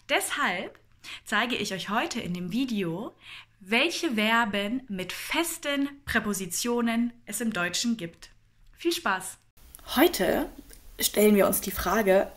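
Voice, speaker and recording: A young native-speaking German teacher explains grammar calmly in an online lesson, working through examples. Her medium-pitched voice is slow, clear and patient.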